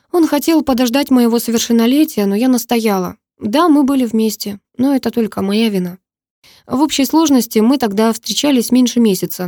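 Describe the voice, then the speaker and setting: A woman's voice: medium pitch, dark tone, no echo, clean studio sound. A woman narrating a first-person novel in an emotive reading that lifts into the dialogue. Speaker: audiobook narrator.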